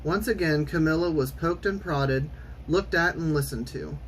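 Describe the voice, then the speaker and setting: A man reading a children's storybook aloud in an expressive, theatrical way with clear enunciation. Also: fairly high pitch, moderate pace, slight background noise, poor audio. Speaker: storytime reader.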